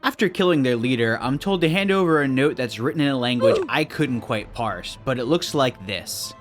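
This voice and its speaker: A man's voice: mid-range voice, expressive, normal speed. A man narrating a game video in a scripted, dry and sarcastic way. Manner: dry, sarcastic, mock-suspicious. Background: faint background music.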